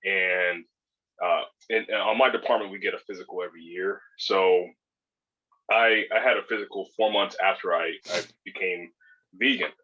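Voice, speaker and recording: A man's voice: deep voice, fairly even intonation, moderate pace, muffled recording. A man in his thirties, born in California and raised in Hawaii and Spain, talking as a guest on a podcast in a laid-back, rambling way with lots of fillers and restarts. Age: 30s. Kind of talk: casual podcast interview.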